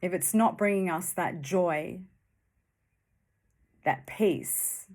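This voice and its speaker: In a low-leaning voice, a woman leads a guided meditation. Her delivery is calm and gentle, with brief phrases and lengthy silences between them.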